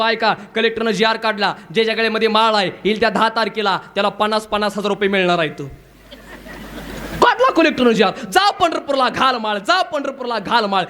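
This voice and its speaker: A man's voice: sits high, sharp tone. A man preaching a comic devotional kirtan, calling out to the crowd to answer him back. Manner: calls out to the crowd for responses. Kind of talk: comic devotional sermon with singing.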